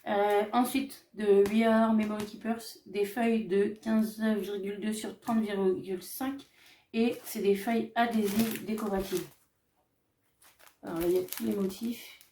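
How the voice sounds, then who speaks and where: A woman vlogger casually showing off her craft shopping haul, chatty and hesitant, often pausing on fillers as she describes each item. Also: mid-range voice, fairly even intonation, warm tone, far from the mic, slight background noise. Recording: echoey room, voice off-mic.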